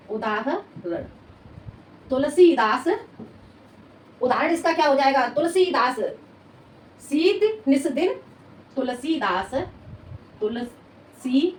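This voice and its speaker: A woman teaching a Hindi grammar class, repeating words slowly as she dictates notes and asking her students rhetorical questions. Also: sits high. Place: coaching classroom. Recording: echoey room, mic at a distance, faint noise.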